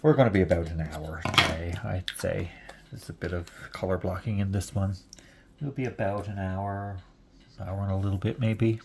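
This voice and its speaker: Chatty, low-voiced man chuckling as he knits. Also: fairly even intonation, moderate pace, noisy background. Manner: chatty and rambling, with frequent chuckles. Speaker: knitting vlogger. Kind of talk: casual chat while knitting.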